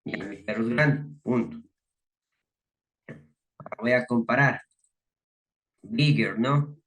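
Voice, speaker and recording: Male teacher, unhurried, patiently spelling out rules. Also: medium pitch, a bit bright, slight background noise. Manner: slow, methodical, repeats rules step by step. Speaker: English teacher. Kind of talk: slow classroom explanation.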